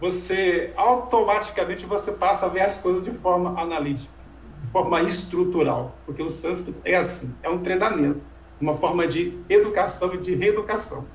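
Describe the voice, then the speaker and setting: A man with a high voice explains things in a relaxed lecture, checking in with tag questions and rhetorical asides. He sits well away from the mic. The room around him rings with echo. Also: fairly quick, a little hiss or hum. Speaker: Sanskrit teacher. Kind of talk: informal lecture conversation. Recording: echoey room, voice from far off mic.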